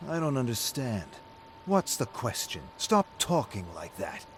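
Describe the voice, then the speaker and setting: Male reader doing a hotheaded brawler: gruff, loud, bristling, over street noise. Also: medium pitch, wildly swooping pitch, pitched above the performer's own voice. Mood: irritated. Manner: gruff, curses, quick to bristle. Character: brash hotheaded young male brawler, defensive.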